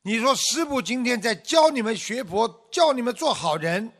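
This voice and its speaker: A man giving a Buddhist dharma talk as a teacher, asking his listeners rhetorical questions and tagging sentences with drawn-out particles. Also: very high-pitched, animated, a bit bright. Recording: long hall reverb.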